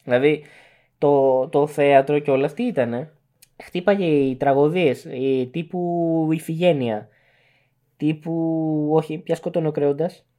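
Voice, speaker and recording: A man co-hosting a casual podcast, talking animatedly. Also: a little high. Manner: animated, mocking outbursts. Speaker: podcast co-host. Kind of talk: casual chat.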